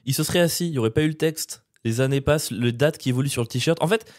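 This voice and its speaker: A man's voice: medium pitch, fast, darkish tone, no room sound, studio quality. A man co-hosting a podcast from France, chatting in a slangy, rambling, self-mocking way. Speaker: podcast co-host. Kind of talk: casual chat.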